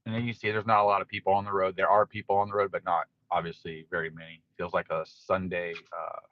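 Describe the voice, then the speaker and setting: A man's voice: low-pitched, quick pace. A man giving a casual, rambling, matter-of-fact live commentary while driving a car through rain. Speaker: local vlogger giving a storm update while driving. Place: inside a moving car in rain. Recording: dull lo-fi audio, steady car and rain noise.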